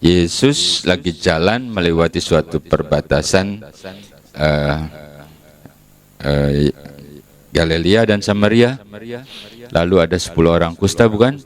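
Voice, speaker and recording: A man's voice: low voice, animated, a little slow, long pauses. A man preaching a casual, chatty sermon as the church's pastor, often acting out quotes. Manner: chatty, conversational, acts out quotes.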